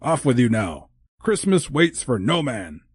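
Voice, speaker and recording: A man's voice: medium pitch, sing-song, a little slow, husky, dry recording, pitched above the performer's own voice, exaggerated voice. A man doing a chirpy little elf. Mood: brisk. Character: brisk cheerful male elf, four feet tall. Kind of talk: audiobook character voice.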